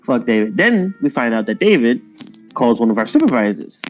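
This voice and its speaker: A man's voice: medium pitch, normal speed, dull audio, faint music behind. Rambling man telling a work story. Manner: rambling, animated, acts out coworkers' lines. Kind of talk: casual storytelling chat while gaming.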